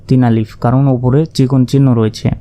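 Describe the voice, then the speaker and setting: A man teaching Quran recitation, slowly spelling out Arabic letters and vowel marks one by one and now and then chanting verses with stretched-out sounds. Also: medium pitch, flat delivery, warm tone.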